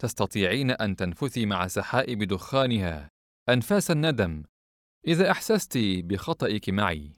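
A man voicing a reserved, melancholy man who speaks in a cool, measured, restrained way in an audiobook. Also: on the low side, sing-song, dry recording, clean studio sound.

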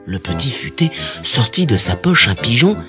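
Expressive man telling a fairy tale. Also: mid-range voice, moderate pace. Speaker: storyteller. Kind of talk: scripted fairy-tale narration. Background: music.

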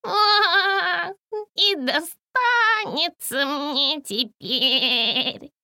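A woman voicing a fussy, boastful little male silver frog, in a slow, squeaky, scolding voice. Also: expressive, bright, forceful tone, no room sound, clean studio sound, full character voice. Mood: frightened. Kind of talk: audiobook character voice.

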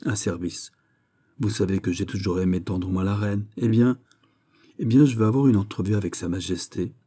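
A haughty, scheming duchess, read by a man in an audiobook, teasing and bargaining with a cool edge. The voice underneath stays very dark and mellow, lifted only a little toward a lady's register. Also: on the low side, normal speed, lightly acted. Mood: coaxing. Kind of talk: audiobook character reading.

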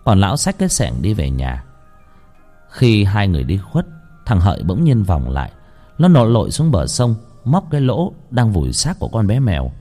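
A man tells a first-person ghost story with strong feeling, his voice dark and mellow. His pitch rises and falls widely as he moves between hushed narration and pleading. Faint music runs quietly beneath him. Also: huge pitch swings, normal speed. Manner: emotional, swinging from hushed to pleading.

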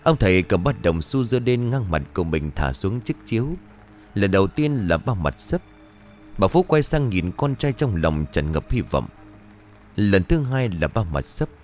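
Man narrating a ghost story, lively. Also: on the low side, normal speed, faint music behind.

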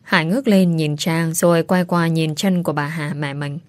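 Female storyteller, steady scripted narration, lowish voice, dry close recording. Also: moderate pace, dry recording.

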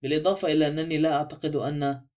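A chatty, apologetic old housemaid rushing through her memories of a night long past, as a male reader speaks her lines in his own plain voice. She races along, words tumbling out. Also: on the high side, level tone, darkish tone, natural voice. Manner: rambling, apologetic.

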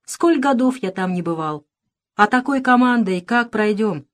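A gloomy old village grandfather, as a woman reads him, muttering and gruff. He talks with little hope and a heavy, grumbling manner. His lines are read from a storybook. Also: high-pitched, lively intonation, normal speed, a bit bright, voice pushed up.

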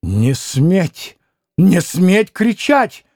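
Man voicing a commanding young woman, sharp, higher voice, slow. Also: big pitch swings, no room sound, clean studio sound, full character voice.

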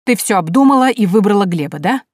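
A smug young charmer talks in a wheedling, needling way, read by a woman narrator. The voice sits low, and the recording is dry and close, with no room sound. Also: normal speed, no room sound, close to an everyday voice. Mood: bitter. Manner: wheedling, then bitter and shouting.

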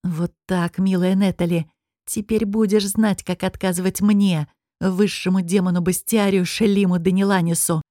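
A woman voicing a sneering, smug male high demon nobleman in an audiobook, with a mocking, taunting drawl. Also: fairly even intonation, normal speed, mellow, no room sound, studio quality, natural voice. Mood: gloating. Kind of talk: audiobook character reading.

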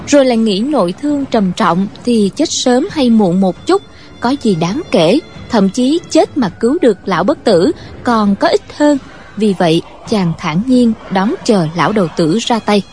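A woman's voice: a little high, a little mellow. Formal woman radio announcer over music. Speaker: radio program host. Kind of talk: scripted recap and introduction. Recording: faint music behind.

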